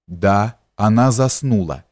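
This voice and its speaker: A man's voice: medium pitch, a little slow, darkish tone, natural voice. A man reading a cold, curt young man. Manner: curt, restrained. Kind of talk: audiobook character reading.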